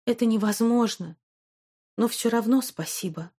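A woman's voice: on the high side, moderate pace, warm tone, husky. A woman reading an audiobook, voicing a rebellious, distraught teenage girl who turns defiant, then desperate. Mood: tearful. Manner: sulky, then desperate and sobbing. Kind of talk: audiobook character voice.

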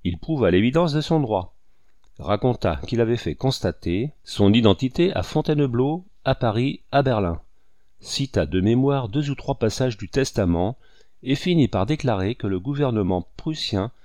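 A man narrating a classic novel in a steady, expressive way. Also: mid-range voice, normal speed, no room sound, clean studio sound. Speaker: audiobook narrator. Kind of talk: literary audiobook narration.

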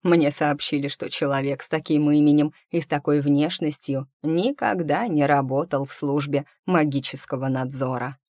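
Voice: mid-range voice, normal speed, few pauses, a little mellow, no room sound, clean studio sound, lightly acted. A reader voicing an old wry magic master. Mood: recounting. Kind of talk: audiobook character reading.

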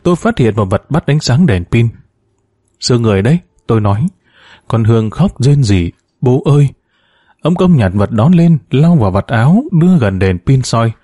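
A man narrating a story in a measured, expressive way. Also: medium pitch, dry recording, studio quality.

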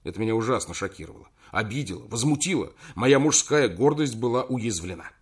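A man's voice: medium pitch, expressive, fairly quick, breathy edge. A man narrating a first-person story as an audiobook, turning emphatic when he voices the dialogue.

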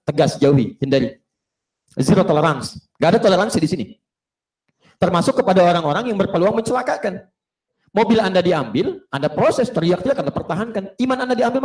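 Guy preaching fast to a crowd, kinda high voice, big echoey hall. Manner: lively teaching, acts out dialogues, asks the audience questions. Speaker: Islamic preacher. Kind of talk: religious lecture to a live audience. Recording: roomy echo of a hall.

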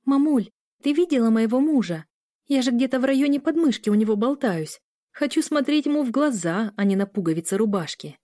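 An exasperated young bride, voiced by a woman reader, higher and brighter than the narration, with sharp, snappy retorts. The reading is close and dry, like a storybook audiobook. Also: lively intonation, fairly quick, no echo, natural voice.

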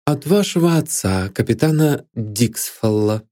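A man's voice: mid-range voice, lively intonation, unhurried, warm tone, no room sound, clean studio sound, lightly acted. Man reading a blunt police detective. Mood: matter-of-fact.

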